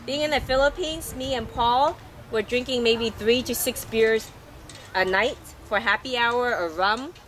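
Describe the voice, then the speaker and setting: A middle-aged woman chats to camera in a loose, rambling, easygoing way, her slightly high voice roughened and scratchy from a recently lost voice. A faint hum of noise sits behind her. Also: measured pace, fairly bright tone. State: scratchy, recovering from losing her voice. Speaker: sailing travel vlogger. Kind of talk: casual unscripted monologue to camera.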